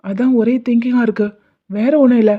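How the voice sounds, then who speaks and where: A woman voicing an anxious, lovesick young college man in an animated drama, speaking in a worried, hesitant way. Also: a little high, fairly quick, close to an everyday voice. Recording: dull lo-fi audio.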